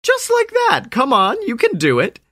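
A man's voice: very high-pitched, wildly swooping pitch, moderate pace, fairly bright tone, pitched above the performer's own voice, exaggerated voice. A man voicing a smug teenage boy wizard who taunts his rival in a mocking, sing-song way. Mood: taunting.

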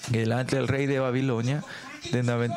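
A man delivers a sermon at a church service, pausing over scripture readings and tossing in frequent tag questions and fillers. His voice sits at an ordinary middle pitch. The congregation can be heard clearly around him. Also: flat delivery, over a noisy crowd. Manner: reads scripture slowly and deliberately. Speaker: preacher.

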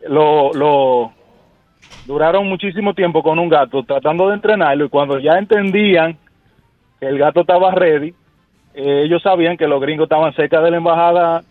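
A Dominican man tells a rambling, slangy story on a radio show. He comes through a thin, phone-like line, and his voice sits a bit high. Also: moderate pace, no room sound, soft background music. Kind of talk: storytelling anecdote.

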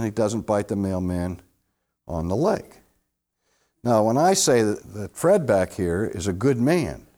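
Male theology lecturer, expressive, mid-range voice, questions the room, live audience. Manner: expressive, swings between loud emphasis and hushed low asides. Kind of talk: classroom lecture.

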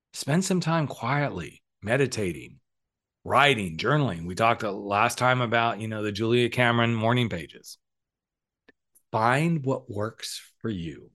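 A man's voice: medium pitch, fairly bright tone. A middle-aged man hosting a solo podcast, telling a coaching story and acting out both sides of the conversation in a casual, frank way with the odd swear word.

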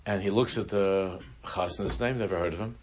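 A man teaching a religious class, telling a story in a halting way, often restarting his sentences. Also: low-pitched, noisy background. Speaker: Torah teacher.

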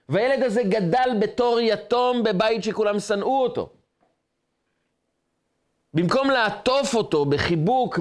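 A rabbi delivers a sermon on the weekly Torah portion in a high male voice. He tells the story dramatically, stacking short phrases into rhythmic lists. His pitch swings widely as he builds each point.

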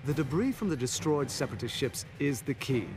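Guy playing a cool-headed jedi master, measured but lively pitch, big music blasting behind. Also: close to an everyday voice. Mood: wary. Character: calm, wary adult male Jedi master. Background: loud orchestral score and battle sounds.

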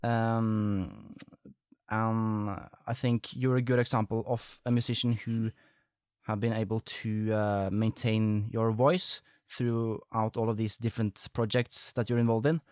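A man's voice: lowish voice, level tone, measured pace, darkish tone, clear, resonant tone, no room sound, studio quality. A man hosting a casual podcast interview, talking in a tentative, rambling way. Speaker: podcast host.

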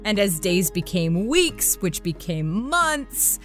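Woman narrating with a lively, swooping pitch. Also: takes it slowly, soft background music. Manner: playful, chatty asides to the listener. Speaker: podcast host and narrator. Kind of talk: scripted storytelling narration.

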